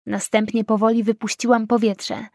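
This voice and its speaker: A woman narrating a novel in the first person with a measured, even reading. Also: a little high, creaky, dry recording, studio quality. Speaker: audiobook narrator.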